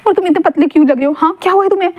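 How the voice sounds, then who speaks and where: A woman's voice: sits high, fast talker, a little mellow, lightly acted. A woman voicing a fussy, affectionate middle-aged mother who dotes and repeats herself. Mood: doting. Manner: doting, chattering, repeats herself.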